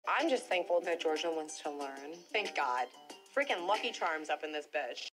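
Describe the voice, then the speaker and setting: A woman in a reality show confessional, sassy and expressive. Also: low-pitched, normal speed, soft background music. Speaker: yacht stewardess.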